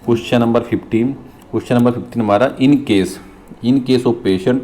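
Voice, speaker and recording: A man tutoring for nursing exams. He reads English questions slowly and explains them in Hindi, repeating terms and often checking in with his viewers as friends. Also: medium pitch, mellow. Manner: addresses viewers as friends, frequent "theek hai" check-ins. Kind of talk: exam question walkthrough.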